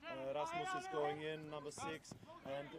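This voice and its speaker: A man's voice: a little high, sing-song, moderate pace. A man doing enthusiastic, joking color commentary at a live outdoor match. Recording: loud crowd behind.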